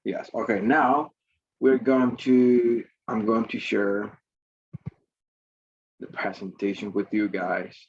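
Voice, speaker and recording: A man's voice: fairly low pitch, expressive, slow pace, gravelly, long pauses, breathy edge, lo-fi sound. A male English teacher running an online class, repeating points and prompting students with questions over a video call.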